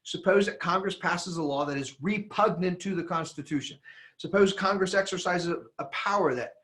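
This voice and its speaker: Animated, high-voiced man lecturing. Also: normal speed. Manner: emphatic, animated, with frequent restarts. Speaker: teacher. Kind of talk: lecture reading from a handout.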